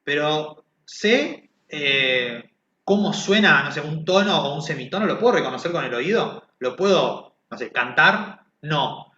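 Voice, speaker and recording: A man's voice: a little high, bright, forceful tone, slight background noise. A man teaching a music class, explaining conversationally and often checking understanding. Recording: echoey, dull lo-fi sound.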